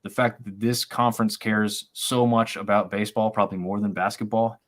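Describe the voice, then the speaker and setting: A man co-hosting a live-streamed college football talk show, talking in an animated, rambling way with many restarts over a remote call setup. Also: on the low side, normal speed. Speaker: sports podcast co-host. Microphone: remote video-call stream.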